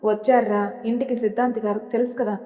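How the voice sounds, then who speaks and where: A woman's voice: fairly high pitch, level tone, fairly quick, mellow, faint music behind, natural voice. A woman voicing a bossy, doting old grandmother in a storybook tale, who scolds and coaxes. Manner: scolding, coaxing. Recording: long hall reverb.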